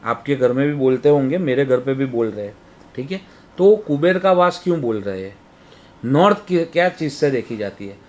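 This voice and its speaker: A male webinar teacher with a medium-pitched voice, explaining each point patiently and step by step. He keeps checking in with his listeners by asking whether they follow. His tone is that of a lecture given to students. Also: expressive, moderate pace, a little mellow. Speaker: Vastu teacher.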